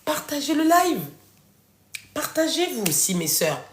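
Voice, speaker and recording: A woman hosting a casual live stream, giving relationship advice and answering viewers' comments in an expressive way. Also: sits high, a little slow, slight background noise. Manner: animated and expressive, addresses viewers directly and answers chat. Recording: echoey room.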